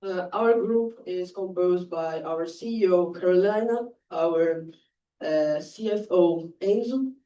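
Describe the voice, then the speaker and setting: A man presenting his startup team in a halting way. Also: high-pitched, warm tone. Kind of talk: pitch presentation. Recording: dull echoey room, distant mic.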